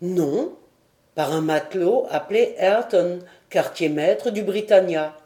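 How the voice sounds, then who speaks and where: A woman voicing a loyal, bewildered old male sailor in an audiobook, speaking low and slowly. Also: warm tone, echoey room. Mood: insistent.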